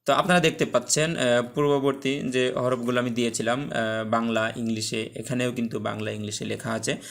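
A young man teaching Quran reading with tajweed in an online lesson, explaining step by step with frequent filler sounds and chanting Arabic words slowly. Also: mid-range voice, steady tone, creaky. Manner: patient, explains step by step, many "ah" fillers, checks "okay?".

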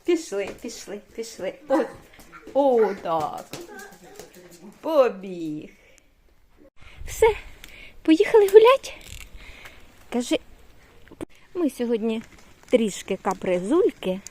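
An older Ukrainian woman, a grandmother vlogger, coos baby talk to a toddler as she walks outdoors in a yard while babysitting. Her slightly high, mellow voice is very animated yet unhurried, with long pauses and a bit of hiss or hum in the recording.

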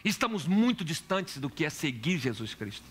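A man's voice: a little high, sing-song, normal speed, fairly bright tone, slight background noise. A man preaching a sermon in church as pastor, asking the congregation questions and telling stories. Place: church hall.

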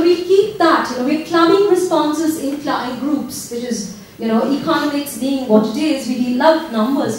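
A woman moderating a seminar audience game, prodding people for answers in a brisk way. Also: high voice, darkish tone. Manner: brisk, prodding, laughs between questions. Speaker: discussion moderator. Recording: echoey room from far off.

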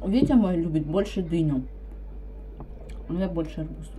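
Low-voiced woman chatting with a full mouth. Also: moderate pace. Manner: sleepy, relaxed chatting between bites. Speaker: mukbang vlogger. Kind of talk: casual eating vlog chat. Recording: loud background noise.

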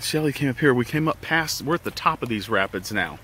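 A man's voice: mid-range voice, lively intonation. A middle-aged man, chatting and coaching casually while fishing outdoors, filmed on a handheld phone. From Texas. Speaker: fishing vlogger. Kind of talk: casual outdoor vlog narration. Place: outdoors by a rocky creek. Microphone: handheld phone camera. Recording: phone audio with loud creek noise. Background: rushing creek water.

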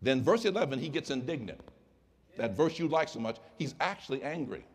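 A male pastor preaching a sermon, swinging from quiet asides to impassioned shouts. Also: mid-range voice, expressive, fairly quick, husky.

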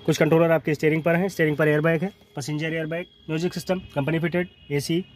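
In an outdoor car lot, a North Indian-accented man gives a spoken walkaround of used cars, going beside and inside each one. His voice is a little high, his tone level, and he talks fast in short, matter-of-fact phrases. The street ambience around him is noisy.

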